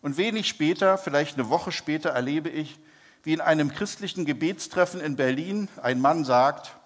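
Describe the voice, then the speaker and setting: Measured preacher man in a reverberant hall. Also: on the high side. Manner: measured, slows down for emphasis. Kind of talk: sermon testimony storytelling.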